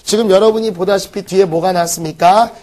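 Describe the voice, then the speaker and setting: A man teaching an exam-prep English lesson, firing quick rhetorical questions at the class. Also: high voice, steady tone, a little mellow. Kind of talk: recorded exam-prep lecture.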